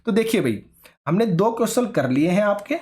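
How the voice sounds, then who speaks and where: A man's voice: high voice, animated, moderate pace, a little mellow. Male teacher for an online exam-prep class, explains patiently, keeps checking the class follows. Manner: explanatory, checks in with "ठीक है?" often.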